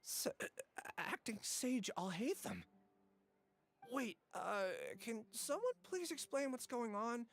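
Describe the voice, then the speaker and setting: An actor playing a guilty, cowardly researcher in a video game, stammering and pleading nervously. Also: male voice, very high-pitched, very animated, slow, fairly bright tone, heavily acted. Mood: nervous, confused. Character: panicky, guilty, cowardly male researcher caught stealing. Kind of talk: video game character acting.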